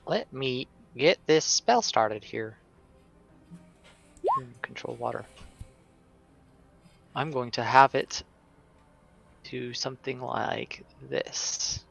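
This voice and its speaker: A man playing a tabletop game, describing his spell in a casual, halting way. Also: mid-range voice, creaky, a bit bright, faint music behind. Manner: casual, hesitant with fillers. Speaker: player. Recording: dull, muffled mic.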